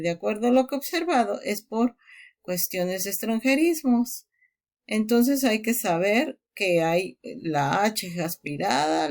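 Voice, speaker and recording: A woman's voice: mid-range voice, a little mellow. A woman language teacher giving a recorded lesson, explaining step by step and repeating each example word. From Mexico.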